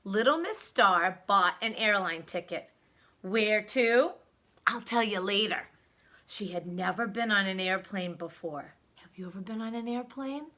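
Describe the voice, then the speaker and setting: A woman with a mid-range voice reads a children's story aloud, expressive and full of dramatic emphasis, pausing to ask the young listeners questions.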